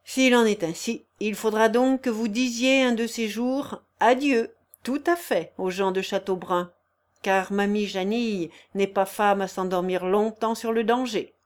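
A woman's voice: mid-range voice, a little slow, natural voice. A woman reading as a blunt old carpenter. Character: old male carpenter, gruff fatherly friend. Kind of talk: audiobook character reading.

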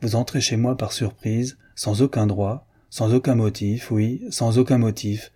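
A man reading aloud who voices a suave, mocking gentleman, curt but courteous. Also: mid-range voice, steady tone, measured pace, breathy edge. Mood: cool, cutting. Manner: cutting yet courteous.

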